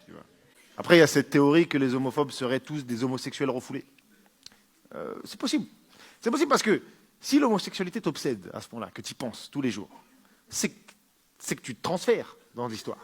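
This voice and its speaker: A man's voice: medium pitch, big pitch swings, brisk, pauses often, breathy edge. A man performing a stand-up monologue in an informal, argumentative, sardonic way. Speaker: stand-up comedian.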